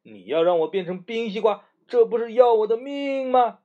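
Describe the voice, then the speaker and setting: A man's voice: extremely high pitch, expressive, moderate pace, pitched above the performer's own voice. A man voicing a timid melon plant in a children's story who trembles and pleads. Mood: pleading. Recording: muffled lo-fi recording.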